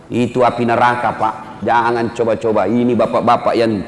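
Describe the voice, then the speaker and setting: A man preaching an animated sermon with a Makassar accent, acting out voices dramatically and joking with the audience. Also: medium pitch, normal speed. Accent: Makassar Indonesian. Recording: echoey hall reverb.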